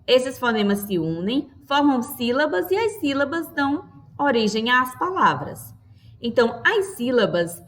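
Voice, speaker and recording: A woman teacher giving a lesson, speaking slowly and clearly, stressing each word and checking in with her class. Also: a little high, fairly bright tone.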